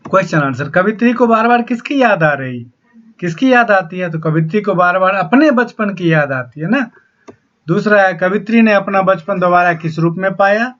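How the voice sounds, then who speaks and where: A male teacher explaining a poem to young pupils, reading the verses slowly and then explaining them, often adding a questioning "na". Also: a little high. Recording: dull lo-fi sound.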